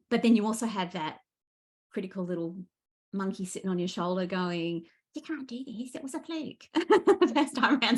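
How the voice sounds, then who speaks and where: A guest author with an Australian accent and a medium-pitched voice chats in a casual interview, telling her stories with animation and enthusiasm.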